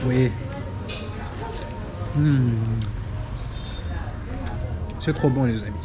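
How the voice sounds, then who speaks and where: A man's voice: mid-range voice, takes it slowly, music in the background. A man chatting casually to camera as a food vlogger, talking between bites with savoring murmurs and playful, self-mocking exaggeration at a street food spot. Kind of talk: casual mukbang chat to camera. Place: street food eatery in Vietnam.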